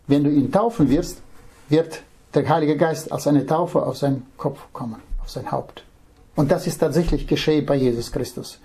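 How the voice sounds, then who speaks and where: A man preaching a Bible-teaching sermon, reading scripture verses slowly and then explaining them, earnestly speaking straight to the listener. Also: fairly high pitch, warm tone, slightly rough. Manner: earnest, addresses listener directly with "ja?".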